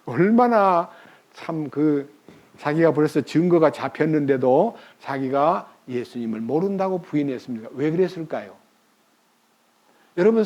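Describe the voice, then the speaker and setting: A man preaching a sermon as pastor, telling the story with animated energy and asking the congregation rhetorical questions. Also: high-pitched. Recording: dull lo-fi recording.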